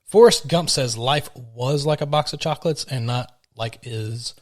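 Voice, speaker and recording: A man's voice: mid-range voice, normal speed. A man co-hosting a podcast in loose, casual chat, rambling and swearing freely. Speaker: podcast co-host.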